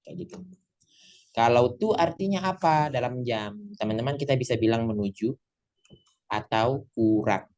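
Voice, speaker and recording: A man's voice: medium pitch, normal speed, darkish tone. A male tutor gives an online English lesson over a video call. He talks in a chatty way and drops English phrases into his explanations. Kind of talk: online class lecture. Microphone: computer mic on a video call.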